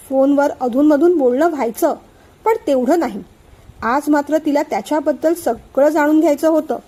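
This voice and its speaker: Woman storyteller, high and mellow voice, reads a family novel and voices its characters. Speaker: story narrator. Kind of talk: scripted narration of a family novel, voicing all characters.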